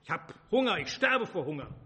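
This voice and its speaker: A man voicing a rough, impatient young hunter who shouts that he is starving, in a reverberant hall. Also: high voice, sing-song, brisk, exaggerated voice. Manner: loud, impatient.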